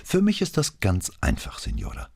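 A man voicing a calm, coolly polite middle-aged police commissioner who wounds on purpose, in an audiobook. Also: low voice, normal speed, creaky, husky, dry recording, studio quality, voice pushed up, exaggerated voice. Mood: cold.

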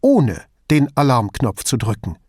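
A cool, firm policewoman, played by a male reader, stern and deliberate. The voice is lifted a little above his own and moves with a lively lilt. The sound is dry and close. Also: fairly high pitch, dry recording, pitched above the performer's own voice.

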